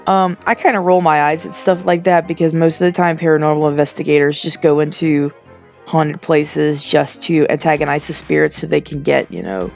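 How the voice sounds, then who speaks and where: A young woman in her twenties chats through a casual storytime voiceover, rambling with lots of fillers and self-corrections. Her voice sits a bit low for a woman. Soft music plays quietly behind her. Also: steady tone, brisk, creaky. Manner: chatty and rambling, frequent fillers and restarts. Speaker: storytelling narrator. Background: faint background music.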